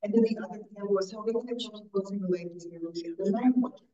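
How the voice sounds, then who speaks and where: A man's voice: sits high, brisk, warm tone, a little hiss or hum. Guy lecturing over a garbled bluetooth-style headset mic, sounds underwater, dull and lo-fi, kinda hesitant. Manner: rambling, hesitant delivery with fillers and restarts. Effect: muffled, garbled headset-style mic pickup that sounds underwater. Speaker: guest lecturer. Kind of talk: public lecture. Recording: muffled lo-fi mic, far off in an echoey room.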